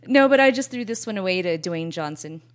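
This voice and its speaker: A woman's voice: lowish voice, animated, fairly quick. A woman guest on a casual podcast, talking enthusiastically and laughing often.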